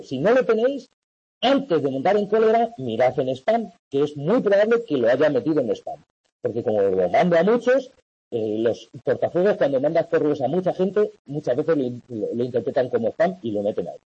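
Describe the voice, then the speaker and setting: This man's voice leans high, warm and husky, captured in lo-fi sound. He's tutoring an online university course, going over the material patiently and repetitively while frequently asking "¿vale?" to make sure everyone keeps up.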